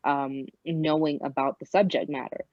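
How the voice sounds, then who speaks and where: A young woman with a low voice speaks reflectively as a podcast guest, pausing often with soft fillers. Her audio is dry and a little muffled, as if from a home call. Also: steady tone, no room sound. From Bangladesh, raised in New York City. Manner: reflective, hesitant with many fillers. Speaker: guest, actress. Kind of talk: podcast interview.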